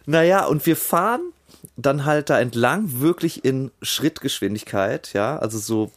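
A middle-aged man in casual podcast conversation. He tells his story animatedly and slips into excited reenactments of what people said. His pitch sits in a middle range for a man. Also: unhurried. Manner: animated storyteller, acts out scenes with raised voice. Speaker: podcast host. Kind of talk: casual chat.

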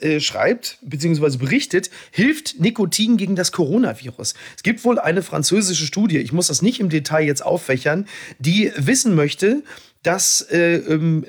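A man's voice: fairly high pitch, husky. A man co-hosting a casual chat podcast, talking in a dry, ironic way with hesitations. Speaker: podcast co-host.

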